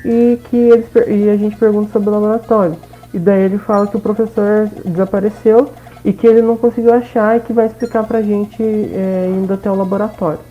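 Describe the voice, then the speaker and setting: Over soft background music, a Brazilian-accented woman recaps a let's play in an informal voice-over, frequently addressing listeners. She speaks a little fast in a mid-range voice with fairly even intonation, and the lo-fi recording sounds dull.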